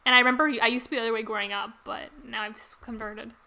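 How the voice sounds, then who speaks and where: Young woman co-host, bright and fairly high voice, bubbly, giggly chat. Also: steady tone, racing. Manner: bubbly, giggly, lots of fillers. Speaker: podcast co-host. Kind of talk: casual chat.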